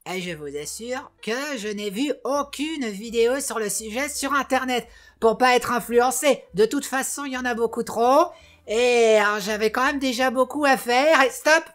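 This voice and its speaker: High-voiced playful woman host. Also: moderate pace. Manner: theatrical, playful, talks to the crew. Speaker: film show host. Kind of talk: comic film chat.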